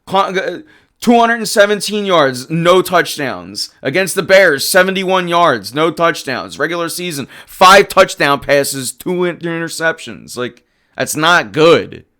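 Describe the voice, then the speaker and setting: A male livestream sports show host with a hoarse, slightly high voice speaks at a measured pace. He's animated and emphatic, rattling off stats while casually talking sports and reading the chat.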